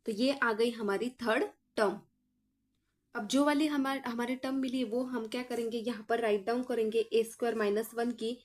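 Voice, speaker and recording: A woman's voice: fairly high pitch, steady tone, moderate pace, a little hiss or hum. A woman math teacher walks through each step, asking the class questions and answering them herself. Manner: addresses students as children.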